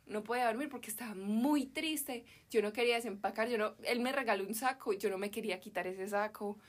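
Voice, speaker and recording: A woman's voice: on the high side, a little fast. A young woman from Colombia with a Medellín accent, chatting as a podcast guest and telling an emotional story full of slang. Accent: Medellín Colombian Spanish. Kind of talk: casual chat.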